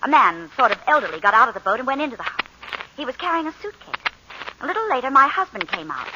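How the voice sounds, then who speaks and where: A frightened young wife pouring out her story on a payphone call in a vintage radio play. Her voice sits high, rushes along in halting bursts and leaps up and down in pitch. The broadcast sounds dull and hissy. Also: big pitch swings. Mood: urgent. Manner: urgent, hurried, halting. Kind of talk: 1950s radio drama acting.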